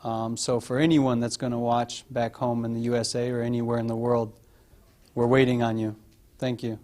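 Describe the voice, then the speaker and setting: Casting: man, average pitch, earnest and encouraging, addressing a group informally with pauses between phrases. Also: flat delivery, darkish tone.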